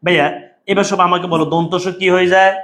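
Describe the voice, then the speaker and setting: Energetic high-pitched male tutor. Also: fast. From Bangladesh. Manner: energetic, drills students with call-and-response repetition; calls listeners "bhaiya". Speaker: Bangla teacher. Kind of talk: online exam-prep class.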